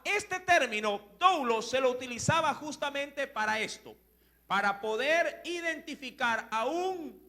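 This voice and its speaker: High, bright-voiced male preacher. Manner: rhetorical questions to listeners, slow and deliberate. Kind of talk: sermon teaching on Greek words. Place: church.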